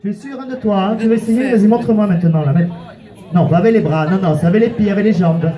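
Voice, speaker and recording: A man with a high-sitting, dark-toned voice and a quick pace runs a comic street show outdoors amid a noisy crowd. He playfully teases his audience volunteers, calling them "mon cœur," counts them in, and coaxes the crowd into applause.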